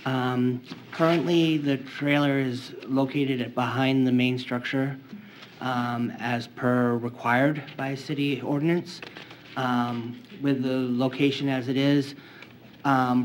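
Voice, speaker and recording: A man giving semi-formal testimony at a hearing as an applicant, hesitant and stiffly worded, with many ums. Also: mid-range voice. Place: indoor public hearing room. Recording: dull, lo-fi, faintly noisy room recording.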